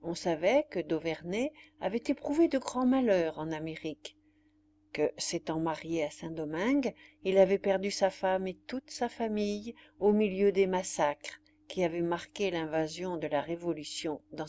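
A woman reading a novel aloud in a measured, storytelling manner. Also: on the low side, darkish tone, a little hiss or hum. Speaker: audiobook reader. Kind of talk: scripted narration.

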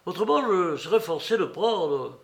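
A man's voice: high voice, unhurried, vocal fry, voice pushed up, exaggerated voice. A man voicing a dandyish deputy prosecutor who formally urges restraint. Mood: stern. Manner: formal, urging calm.

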